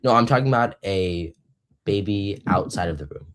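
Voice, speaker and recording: Young man, very low voice, debate host, halting delivery, slows to press points. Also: lively intonation, slight background noise. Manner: hesitant, restarts often, slows to press points. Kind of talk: casual online debate.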